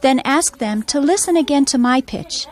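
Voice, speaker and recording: A woman music teacher explaining her methods in a calm, measured instructional voice-over. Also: high-pitched.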